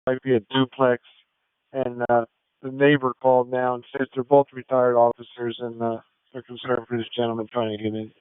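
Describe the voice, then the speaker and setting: A male dispatcher relays terse radio updates in a procedural, matter-of-fact manner. The voice is smooth and dry, squeezed through a very thin radio channel. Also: mid-range voice, completely flat delivery, a little fast, no room sound. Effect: two-way radio. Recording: thin, narrow-band police radio channel.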